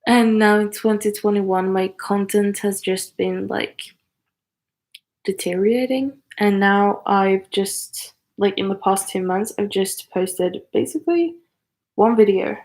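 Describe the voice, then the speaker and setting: A woman's voice: medium pitch, unhurried, darkish tone. A woman of twenty chatting casually on a livestream, hesitant and full of fillers and apologies. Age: 20s. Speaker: YouTuber on a livestream. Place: apartment.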